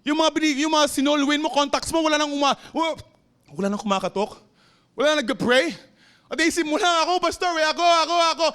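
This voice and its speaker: A man with a Filipino accent preaching a sermon in a church, swinging between shouted exhortation and low, quiet storytelling. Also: lively intonation, fairly quick. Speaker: pastor. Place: church sanctuary.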